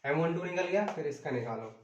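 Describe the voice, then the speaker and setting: A man's voice: a little high, lively intonation, a little fast, reverberant, lo-fi sound. A man teaching a math lesson, calling out sums, asking the class questions and mixing English into Hindi.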